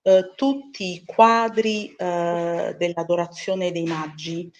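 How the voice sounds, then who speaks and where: A woman with a slightly low voice talks as a guest on a live show. Her delivery is casual and conversational, put together on the spot. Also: steady tone, takes it slowly, highs cut off. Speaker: guest who runs a culture page.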